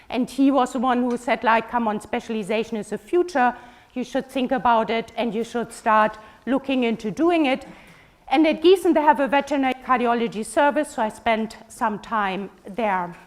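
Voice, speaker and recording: A woman in her fifties from northern Germany, speaking English as a second language with a German accent, giving a relaxed, conversational lecture with frequent ums and self-corrections. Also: fairly high pitch. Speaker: veterinary cardiology professor giving a lecture.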